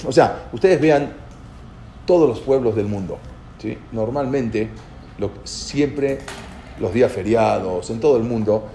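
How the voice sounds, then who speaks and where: A man teaches a history class in a loose, conversational way. His voice is mellow and dark, set at an ordinary middle pitch. He stumbles, repeats words and keeps checking that his listeners are following, over a faint background noise. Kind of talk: informal spoken lecture with storytelling.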